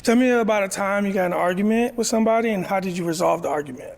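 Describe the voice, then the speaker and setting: A man in his thirties from North Carolina, a dating show contestant who talks in a relaxed, hesitant way with ums. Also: high-pitched, racing, gravelly. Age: 30s. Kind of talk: casual chat.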